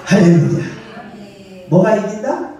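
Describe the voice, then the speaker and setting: A man's voice: high voice, very animated, a little slow, mellow, dull audio, some chatter behind. A male pastor preaching a sermon, asking the congregation questions and answering them himself. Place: church sanctuary. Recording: echoey hall, far from the mic.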